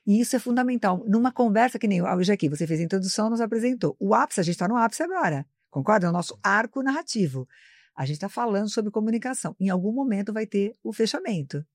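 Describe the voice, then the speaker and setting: A woman's voice: medium pitch, a little mellow, no room sound, clean studio sound. A woman who teaches marketing, explaining communication as a guest in a live interview, in an instructive, lecturing way. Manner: didactic, explanatory, addresses host by name. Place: studio, live broadcast.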